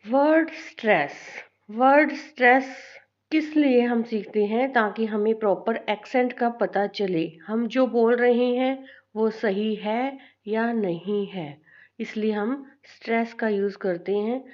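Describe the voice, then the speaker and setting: Slow, deliberate Indian woman teacher. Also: a little high, a little mellow, highs cut off. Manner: slow and deliberate, spelling out letters and repeating for students. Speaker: English teacher. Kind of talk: classroom lesson mixing Hindi and English.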